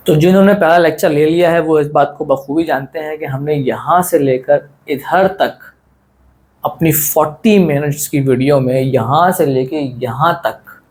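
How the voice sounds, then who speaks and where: A man teaching an online lesson in a relaxed, friendly way, asking questions and answering them himself and often repeating his points. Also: fairly high pitch. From South Asia. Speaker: Quran teacher.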